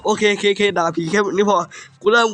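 Young man, very high voice, bright tone, sniffly with a cold, yelling and cursing through a horror game. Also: steady tone, fast talker, soft background music. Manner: loud, swearing constantly, yelling at ghosts. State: runny nose, has a cold. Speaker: gaming YouTuber playing a horror game. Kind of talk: profane live gameplay commentary.

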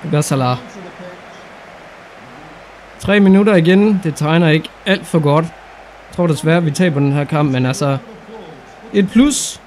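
Excitable young Danish man gaming. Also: a little high, long pauses. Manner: excitable, shouts at big moments, swears casually. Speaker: gaming YouTuber. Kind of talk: excited let's-play commentary.

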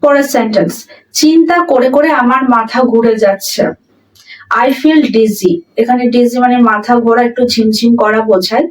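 Slow, clear woman teaching English. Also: on the high side, far from the mic, rough recording. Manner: explains in Bengali, says English sentences slowly and deliberately. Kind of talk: spoken English lesson.

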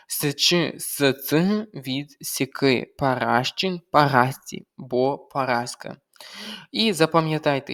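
A tutor teaching an exam-prep grammar lesson at an unhurried, measured pace. The voice sits at a middle pitch and pauses on each letter it spells out. Example words come one at a time, like a dictation. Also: a bit bright. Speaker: Ukrainian language tutor.

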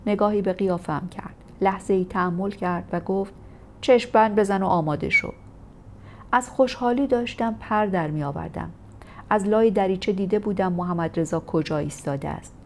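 A woman narrating a first-person memoir in a steady, measured audiobook reading. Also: medium pitch, slight background noise. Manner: steady, measured storytelling delivery.

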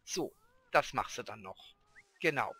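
A man's voice: mid-range voice, animated, unhurried, creaky, pushed and bright, husky. A man casually commenting on his own gameplay as a let's play host, chatting to and coaxing the game characters along.

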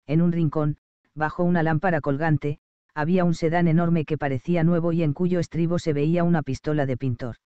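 A man reading a first-person detective story aloud, in a steady, deadpan narration. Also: a little high, fairly quick, clear, resonant tone, no room sound, lo-fi sound. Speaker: reader.

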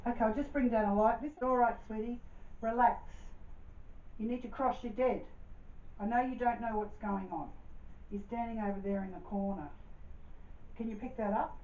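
A woman's voice: mid-range voice, fairly even intonation, brisk, long pauses, mellow. A woman, a medium leading a spirit rescue, talking in a soothing, coaxing way and repeating herself. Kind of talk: live commentary during a house clearing. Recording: echoey room, far from a dull mic, faint hiss.

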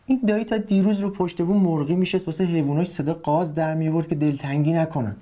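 A man's voice: a little high, steady tone, warm tone, close to an everyday voice. A man playing a sarcastic, bitter young husband. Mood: indignant. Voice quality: sarcastic, argumentative. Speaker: son-in-law living with in-laws. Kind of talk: TV drama acting.

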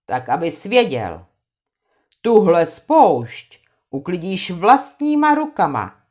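A woman's voice: fairly low pitch, very animated, darkish tone. Woman doing a stern mountain spirit. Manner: stern, commanding.

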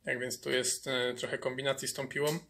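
A man's voice: mid-range voice, little pitch movement, a little fast, gravelly, bright, forceful tone. Hesitant man narrating a workshop repair. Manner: hesitant, many fillers and repeated words. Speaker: mechanic restoring a chainsaw. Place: workshop bench.

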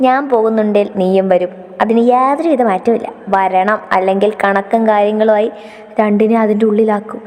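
A stubborn young man , as a woman puts him on, teases his sister in a mock-stern, bossy way. The storybook voice is warm, with a long reverb trailing behind it. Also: mid-range voice, fairly even intonation, brisk, close to an everyday voice. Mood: teasing. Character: teasing young man, stubborn older brother.

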